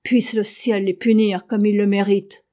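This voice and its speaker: A woman voicing a loyal, gruff old male sailor in an audiobook, reading in an earnest, grave way. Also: medium pitch, fairly even intonation, moderate pace, dark tone, lightly acted.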